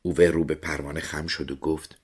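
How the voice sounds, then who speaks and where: A man narrating an audiobook in an expressive storytelling manner, with a husky voice. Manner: expressive storytelling with lively pitch swings.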